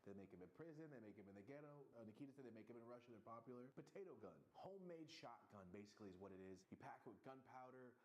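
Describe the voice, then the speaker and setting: A man in his thirties, a livestreamer, telling a story in a casual, profane, animated way. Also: medium pitch, fast, hardly any pauses. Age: 30s. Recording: roomy echo.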